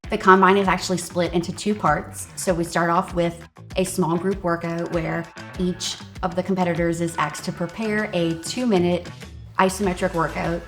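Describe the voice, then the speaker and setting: A woman's voice: on the low side, level tone, normal speed, a bit bright, soft background music. A woman narrating a competition show in a matter-of-fact, explanatory documentary voice-over.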